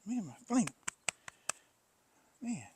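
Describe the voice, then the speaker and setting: A man's voice: high voice, very animated, drawn-out words, background noise. Rambling folksy man in his shop. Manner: rambling, folksy, frequent sighs and coughs. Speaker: pastor and welder, channel host. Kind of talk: casual shop vlog. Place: workshop.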